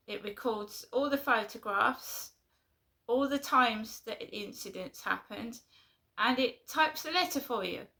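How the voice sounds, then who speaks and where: London lady ranting on her vlog, bright tense voice, keeps repeating herself. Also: a little high. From London, England. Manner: exasperated, repeats herself, talks in short bursts. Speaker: vlogger. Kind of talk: casual venting vlog.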